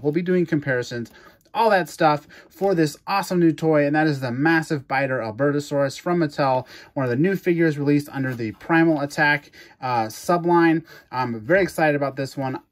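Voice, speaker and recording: A man giving an enthusiastic, casual toy review to camera, chatty with many fillers and restarts. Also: a little high.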